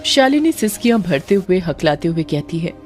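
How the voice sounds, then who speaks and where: A woman's voice: lowish voice, very animated, moderate pace, darkish tone, soft background music. Woman narrating a dramatic story.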